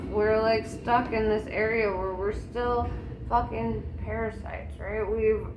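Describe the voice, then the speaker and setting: A woman rambles through a casual rant in a loose, tipsy way, peppering it with swearing. Her voice sits at a medium pitch. The room is noticeably echoey, with faint noise behind her.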